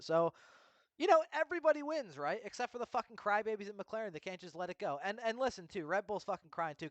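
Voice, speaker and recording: Foul-mouthed ranting man, fairly high voice. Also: no echo, dull audio. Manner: profane, heated, swears constantly. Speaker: F1 recap host. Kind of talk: casual commentary rant.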